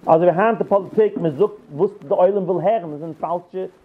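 A man's voice: high-pitched, fairly quick, slight background noise. A man teaching a Bible story, retelling it with acted quotes and frequent restarts. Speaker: Torah teacher. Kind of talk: Yiddish-flavored Bible lesson. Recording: tinny phone-like line.

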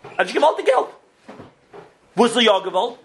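A man telling a religious parable in halting, informal speech, often repeating and restarting phrases and switching in English words. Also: extremely high pitch, lively intonation. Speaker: storyteller.

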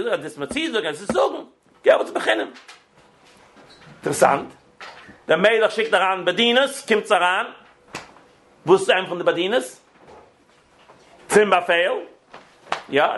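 Man, high voice, religious parable, halting delivery, repeats phrases, mixes in English words, faint background noise. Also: a bit bright. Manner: switches between German and English words. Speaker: storyteller.

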